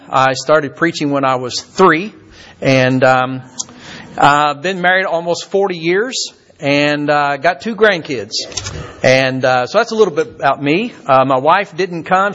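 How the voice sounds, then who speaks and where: Older preacher, muffled recording. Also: male voice, a little high, a bit bright. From Kentucky. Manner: halting, repeats words with many fillers. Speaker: visiting preacher. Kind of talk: sermon.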